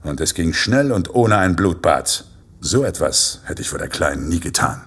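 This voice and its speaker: Playing a vengeful killer in a Santa suit for a horror audio drama, a man speaks with grim, deliberate, self-righteous menace. His low voice is expressive and exaggerated, a bit bright with a breathy edge.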